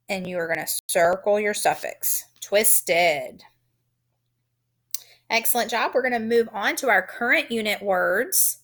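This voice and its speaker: A woman with a mid-range, slightly bright voice teaches a phonics lesson, sounding out letters and syllables deliberately and encouragingly.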